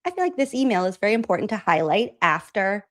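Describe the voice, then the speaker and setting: A Massachusetts woman hosts a political commentary show, chatty and sarcastic, sounding incredulous and laughing often. Her mid-range voice is sing-song and fast.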